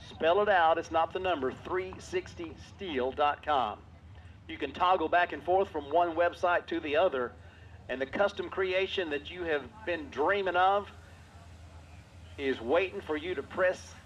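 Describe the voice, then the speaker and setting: A man with a fairly high voice announces motorsport live, in the showy manner of a tractor pull or drag strip announcer. He delivers race calls and sponsor reads to the fans. Outdoor track noise and vehicles sit behind his voice. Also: fairly bright tone. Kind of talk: live race commentary and sponsor reads over public address.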